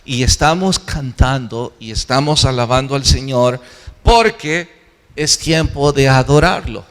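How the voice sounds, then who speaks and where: A man's voice: medium pitch, unhurried, a bit bright. A man preaching a sermon as pastor, earnest and exhorting, often asking questions and answering them himself. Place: church sanctuary. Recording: long hall reverb.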